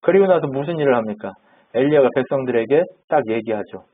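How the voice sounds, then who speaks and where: A man's voice: medium pitch, expressive, quick pace, slightly rough. A man preaching a sermon as pastor, chatting with his congregation, asking them questions and acting out the quotes he tells. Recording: phone-like narrow band.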